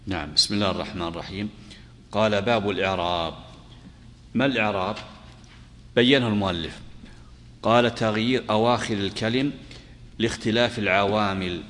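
A man's voice: lowish voice, a little fast, long pauses, fairly bright tone, slight background noise. Man teaching a grammar class, asks and answers his own questions, lots of repeating, long echo in the hall. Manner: asks questions and answers them himself, repeats key phrases. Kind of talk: classroom explanation.

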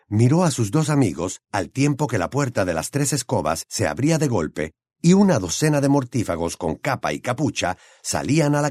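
A man reading an audiobook aloud in a dramatic, expressive way. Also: mid-range voice, dry recording, studio quality. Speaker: audiobook narrator. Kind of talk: scripted audiobook narration.

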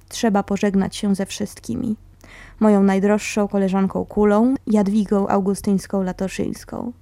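A woman reads a memoir aloud in a calm, measured way. Her voice is mellow and soft, middle in pitch for a woman, and recorded close and dry with no room sound. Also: no room sound. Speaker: narrator.

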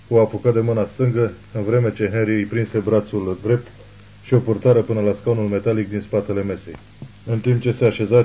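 A man narrating an audiobook novel in a steady, measured reading. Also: fairly low pitch, rough recording.

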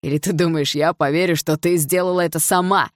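A woman voicing a furious, jealous middle-aged stepfather who shouts threats and orders. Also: on the low side, steady tone, brisk, no room sound, studio quality, lightly acted. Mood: raging, shouting.

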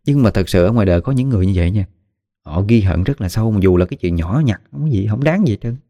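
A man's voice: on the low side, expressive, fast talker, dark tone, dry recording, studio quality. A man with a Southern Vietnamese accent narrating a ghost story in a conversational way with dramatic asides. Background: faint music.

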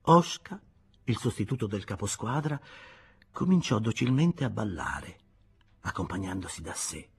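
A man reading a literary audiobook aloud in an expressive, dramatic narration that moves between hushed and loud. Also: on the low side, moderate pace, gravelly, breathy edge. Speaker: audiobook reader.

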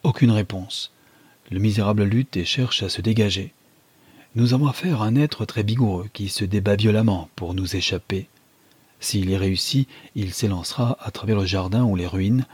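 A man reading a novel aloud as a dramatic first-person narration, measured and gripping. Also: lowish voice, a little mellow, slightly rough, no room sound. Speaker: audiobook reader.

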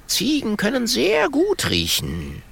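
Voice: medium pitch, wildly swooping pitch, takes it slowly, gravelly, fairly bright tone, husky, pitched above the performer's own voice, heavily acted. A storybook narrator voicing a goat who insists he is a great wizard, speaking in a slightly raised, self-assured, lecturing tone. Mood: reassuring. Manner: indignant, sniffing, lecturing.

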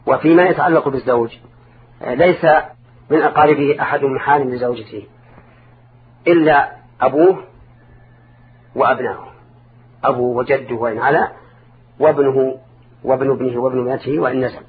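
With a medium-pitched voice, an older man talks fairly quickly but leaves long pauses, answering listeners' questions as an Islamic scholar in formal Arabic. His religious counsel is didactic, emphasized by repetition and rephrasing. The sound is a narrow, phone-like band with noticeable background noise.

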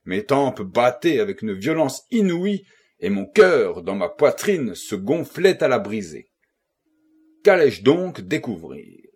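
Husky-voiced man narrating an audiobook. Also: medium pitch, slow. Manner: expressive, dramatic reading. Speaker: audiobook reader. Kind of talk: first-person novel narration.

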